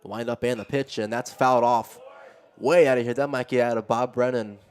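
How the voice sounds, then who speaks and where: A man giving live baseball play-by-play, narrating each pitch conversationally as it happens. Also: steady tone, brisk, darkish tone, smooth. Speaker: play-by-play commentator.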